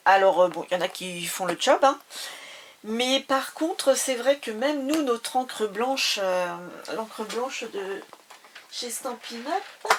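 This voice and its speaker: A woman's voice: on the high side, a little hiss or hum. A woman from France giving a casual papercraft tutorial, talking with many fillers and restarts. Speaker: papercraft demonstrator.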